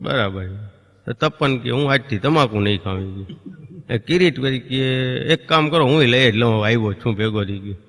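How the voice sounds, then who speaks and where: Bright-voiced comedian on a reverberant stage. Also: male voice, medium pitch, animated. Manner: storytelling with quick voiced impressions of neighbours and children. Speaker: stand-up comedian. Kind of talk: Gujarati folk comedy routine. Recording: long reverb of a stage hall.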